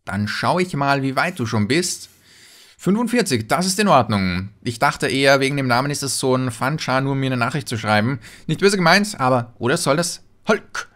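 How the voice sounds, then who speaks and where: A man's voice: animated, moderate pace, fairly bright tone. A man doing casual gaming commentary, chatting and answering viewer messages as a let's player. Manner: chatty, jumps in pitch when reading names.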